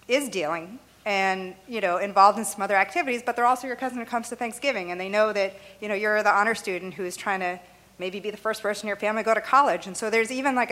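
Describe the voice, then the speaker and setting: An interviewee whose first language is Arabic shares her views in a loose, conversational way, often adding "you know" and "right?" along with light laughs. Her voice is mid-range with a fairly bright tone.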